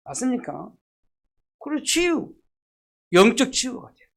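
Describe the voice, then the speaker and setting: A pastor preaching a sermon, asking the congregation rhetorical questions, reading scripture slowly and swinging between loud emphasis and soft, low asides. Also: very animated, creaky. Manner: reads scripture quotations slowly.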